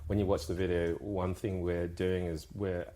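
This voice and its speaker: Interview guest, deep low voice, from Ghana, raised in the UK, hesitant but eager. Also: male voice, flat delivery, moderate pace, warm tone. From Ghana, raised in the UK from age five. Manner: thoughtful, hesitant with many restarts and fillers. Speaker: brand co-founder, interview guest. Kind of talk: casual interview talk.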